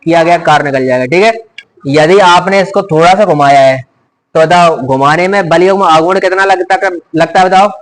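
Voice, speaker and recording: A man's voice: on the high side, brisk, rough recording. A man teaching a physics lecture in speech, constantly asking the class rhetorical questions and repeating key terms.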